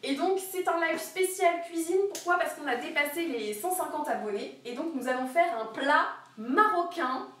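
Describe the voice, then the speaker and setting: Young woman streamer, high voice, chatty and giggly, rambling asides, mic far across the room. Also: lively intonation, moderate pace, few pauses, fairly bright tone. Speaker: streamer cooking live. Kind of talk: casual live-stream chat while cooking. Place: home kitchen. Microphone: camera on a wobbly tripod across the kitchen. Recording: very echoey kitchen, voice far from the mic.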